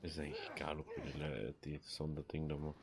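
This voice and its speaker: A man's voice: a bass voice, little pitch movement, fast, vocal fry, noisy background. A man giving casual, rambling let's play commentary in a muttering way. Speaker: gamer commenting on his playthrough.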